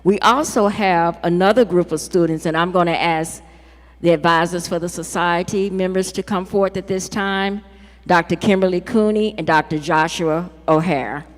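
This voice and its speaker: Woman emcee, lowish voice, upbeat and proud, long echoing hall. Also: fairly even intonation, moderate pace. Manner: upbeat, proud, casual asides. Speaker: program host. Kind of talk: ceremony emcee speech. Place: large hall.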